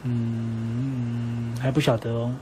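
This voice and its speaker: A man with a Taiwanese Mandarin accent gently improvising a bedtime story for his child and patiently answering questions, recorded on a phone at home. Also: on the high side, moderate pace, over music. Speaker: father telling a bedtime story.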